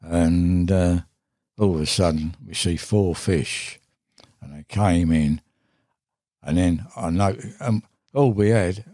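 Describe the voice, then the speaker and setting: An older man with a very low, husky voice tells a long, rambling tale as a podcast guest. He talks casually and saltily, swearing freely and stopping on fillers. The studio sound is close and dry. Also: slow pace, mellow, no echo. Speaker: podcast guest, veteran angler. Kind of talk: casual anecdotal storytelling.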